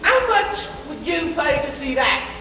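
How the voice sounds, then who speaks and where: A high school actor playing a scheming tramp with a high-pitched, drawn-out showman's pitch, hustling every line. The voice is heard from far off in a very echoey school hall with long reverb and faint hiss, caught on an old camcorder. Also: sing-song, full character voice. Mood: pushy. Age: teens. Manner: theatrical salesman's patter, drawn-out emphasis. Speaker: student actor. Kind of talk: 1980s high school stage play. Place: school auditorium stage. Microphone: distant camcorder mic.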